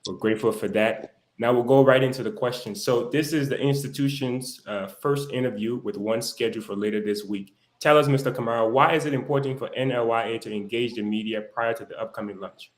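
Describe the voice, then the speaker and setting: A man's voice: medium pitch, brisk, hardly any pauses. A man hosting a talk show, reading a formal introduction and then asking interview questions in an upbeat way. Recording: roomy echo.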